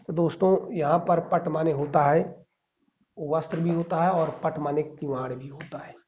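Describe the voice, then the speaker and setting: A man's voice: on the high side, fairly even intonation, a little slow, a little mellow, dull audio, slight background noise. A male teacher giving an exam-prep grammar lesson, explaining step by step and reciting verse examples.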